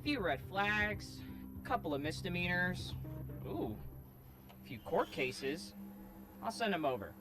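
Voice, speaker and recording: Robot butler sidekick, voiced by an actor: a processed robot voice with a lively melody, dutiful and matter-of-fact, over a music bed. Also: mid-range voice, slow, pauses often. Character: robot assistant, helpful butler type. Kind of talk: scripted video sketch.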